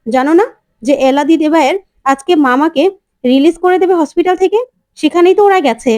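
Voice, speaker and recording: A woman's voice: high-pitched, a little fast, a little mellow, pitched above the performer's own voice, lightly acted. A woman voicing a kindly old grandfather who speaks firmly to his family. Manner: firm, reasoning.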